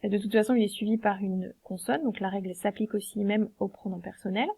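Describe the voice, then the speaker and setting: A woman's voice: mid-range voice, steady tone, fast talker, vocal fry, mellow, breathy edge. A woman teacher, patiently explaining a poetry exercise step by step, with frequent hesitations. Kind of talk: recorded lesson correcting a versification exercise.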